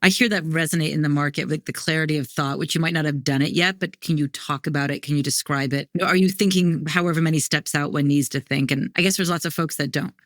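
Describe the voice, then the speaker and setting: A woman's voice: deep voice, fairly even intonation, quick pace, hardly any pauses, no echo, studio quality. A woman podcast host asking interview questions and reading the show's outro with enthusiasm.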